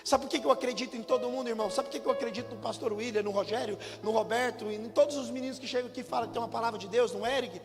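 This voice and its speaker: A middle-aged man preaching a sermon as pastor, telling lively humorous stories and speaking directly to the congregation. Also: extremely high pitch, rapid-fire, few pauses. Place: church hall. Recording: church hall reverb with faint music.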